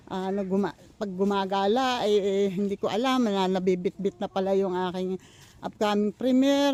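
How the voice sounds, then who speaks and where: An older woman with a medium-pitched, darkish voice vlogs as she walks through the countryside, out of breath. She rambles casually while thanking her supporters, with many fillers and restarts.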